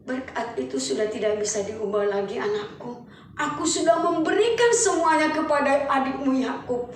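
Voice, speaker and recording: A woman voicing old Isaac, an aged father who answers his son slowly and solemnly. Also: sits high, expressive, a little hiss or hum. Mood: grave. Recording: echoey hall, mic far off.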